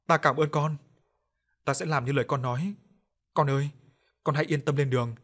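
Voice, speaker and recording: A man's voice: on the high side, fairly even intonation, fairly quick, a bit bright. A man voicing a remorseful older man who speaks in a choked, tearful voice, in an audio story.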